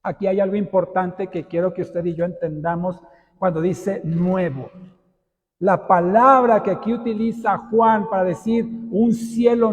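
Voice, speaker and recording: A man preaches from the pulpit with a high voice. He explains slowly and puts questions to the congregation. His voice rings with the long reverb of a church sanctuary. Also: a little mellow, dull audio. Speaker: pastor. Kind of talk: sermon.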